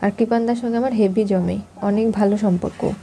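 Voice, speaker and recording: A woman's voice: medium pitch, fairly even intonation, a little fast, warm tone, a little hiss or hum, close to an everyday voice. A woman doing a cheeky newspaper boy. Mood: teasing. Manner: teasing. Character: cheeky young newspaper delivery man.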